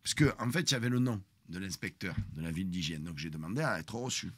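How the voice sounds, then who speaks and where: A man's voice: deep voice, fast talker, slightly rough, dry recording. A man telling a story on a live stream, acting out the confrontation dramatically. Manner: dramatic, animated retelling that acts out the confrontation.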